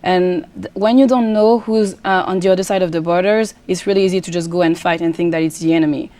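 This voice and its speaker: In a mellow, lowish voice with fairly level intonation, a young French-accented woman from the Democratic Republic of Congo chats in a casual interview. As a pageant contestant and student guest, she answers sincerely, stopping and restarting her sentences many times.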